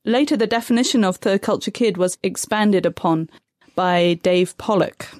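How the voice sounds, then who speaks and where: Woman guest expert, methodical and calm, dry close recording. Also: medium pitch, moderate pace, no echo. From Tanzania. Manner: calm, methodical, defines terms step by step. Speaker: guest expert on third culture kids. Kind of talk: measured explanatory interview answers.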